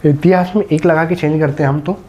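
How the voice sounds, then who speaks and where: A man's voice: a little high, fairly even intonation, quick pace, dark tone, muffled recording. A man teaching a Hindi spelling lesson for exam students, explaining step by step and answering his own questions.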